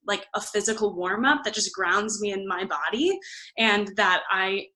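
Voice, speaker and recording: A woman's voice: mid-range voice, pushed and bright. A woman drama instructor sharing audition advice in a chatty, upbeat way, peppering her talk with "like". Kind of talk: casual advice chat.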